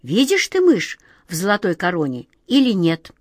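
A woman reading a storybook and voicing a kindly, sly auntie who talks slowly and coaxingly. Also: lowish voice, wildly swooping pitch, no echo, studio quality. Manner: slow, drawn-out, fond coaxing tone.

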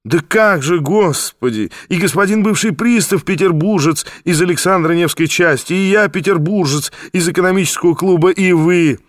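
A man voicing an effusive, sentimental former card sharp, raised and excited in tone. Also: high-pitched, moderate pace, hardly any pauses, no room sound, studio quality, pitched above the performer's own voice, natural voice. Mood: effusive nostalgic.

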